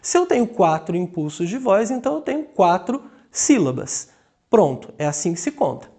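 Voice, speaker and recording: A man with a Brazilian Portuguese accent teaches a grammar lesson slowly and deliberately, stretching example words out syllable by syllable and checking in with the class often. His voice is high-pitched and a little mellow, with big pitch swings.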